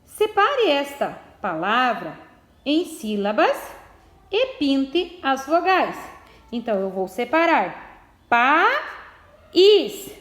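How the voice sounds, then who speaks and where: A woman teaches slowly and patiently, reading exercises aloud. Her voice sits high and swings widely in pitch, and the room around her is echoey. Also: big pitch swings, fairly bright tone. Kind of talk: classroom lesson explanation.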